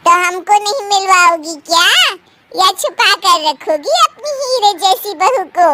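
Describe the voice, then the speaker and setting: A woman's voice: extremely high pitch, unhurried, heavy background noise. A woman voicing a chatty female friend at a ladies' party who gushes with praise, for a cartoon story. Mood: admiring. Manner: effusive, full of praise.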